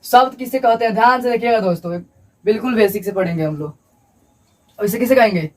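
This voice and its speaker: A man's voice: sits high, a little fast, a little mellow, distant mic. Man teaching at a board, mic set back. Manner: repetitive, asks and answers his own questions. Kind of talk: classroom lecture at a board. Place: classroom with a board.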